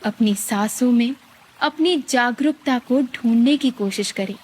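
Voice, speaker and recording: The meditation guide is a woman with a slightly high, husky voice. She moves very slowly, instructing calmly and gently with plenty of room between phrases.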